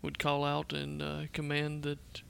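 A man's voice: a little high, completely flat delivery, measured pace, creaky, fairly bright tone, slight background noise. A man playing a tabletop role-playing game, chatting casually about his character.

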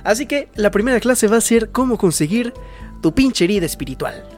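A man's voice: sits high, animated, a little fast, soft background music. A young man with a Mexican Spanish accent, co-hosting a casual chat and rambling through a story in slang. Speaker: podcast co-host recapping anime.

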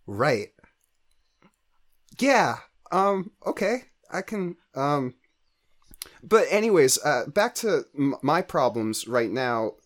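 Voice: mid-range voice, sing-song, slow, pauses often. A player voicing a shy bird character who rambles and hesitates, full of fillers. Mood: awkward, nervous. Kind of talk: playing a character in a tabletop game.

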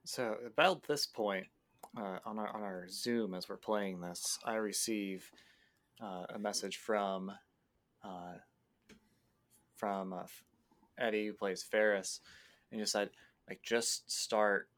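A man who plays in a tabletop game, casually retelling a session in an unhurried, meandering way. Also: lowish voice, steady tone, fairly bright tone. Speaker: player. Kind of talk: casual storytelling recap.

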